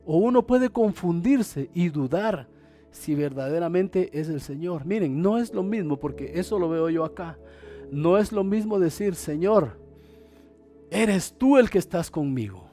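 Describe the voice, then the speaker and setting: A middle-aged male pastor preaching a sermon, acting out quoted voices and swinging between loud and soft. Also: sits high, animated, unhurried, faint music behind.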